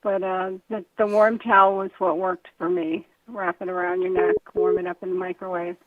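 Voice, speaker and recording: A woman caller, hoarse and still getting her voice back, chatting casually and rambling with lots of fillers. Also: fairly low pitch, flat delivery, moderate pace, no room sound. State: hoarse, recovering voice. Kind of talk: casual call-in chat. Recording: tinny phone line.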